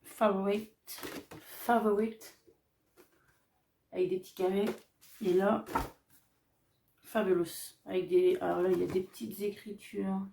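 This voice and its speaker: A woman vlogger casually shows off her craft shopping haul, chatty yet hesitant, pausing on fillers as she describes each item. Her mid-range voice is flat, creaky and mellow, recorded from a distance and off-mic in an echoey room with a little hiss or hum.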